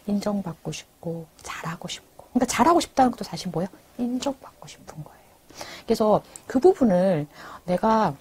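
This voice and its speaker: Breathy woman giving calm life advice. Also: medium pitch. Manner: asks and answers her own questions, soft breathy trailing phrases. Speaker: speaker on everyday wisdom.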